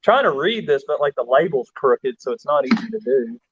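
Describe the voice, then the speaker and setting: A man's voice: medium pitch, sing-song, fairly quick, highs cut off, a little hiss or hum. A man from Alabama, hosting a casual livestream, rambling, laughing often and reading chat aloud. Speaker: livestream host.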